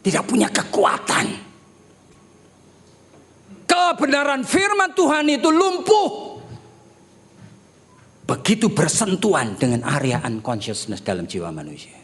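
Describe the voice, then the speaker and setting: A middle-aged male pastor preaching a sermon with lively swings in his voice. His voice sits high for a man, and he keeps speaking straight to his listeners, dropping English terms in among his words. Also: unhurried, long pauses. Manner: animated preaching, often addresses listeners as "saudara".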